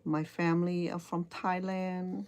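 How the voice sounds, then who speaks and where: Middle-aged Cambodian-accented woman, slow and low-voiced, casual crochet tutor who chats with her viewers. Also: little pitch movement, a little mellow. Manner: hesitant, repeats words, chats directly with viewers. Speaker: crochet instructor. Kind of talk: casual live-stream chat while crocheting.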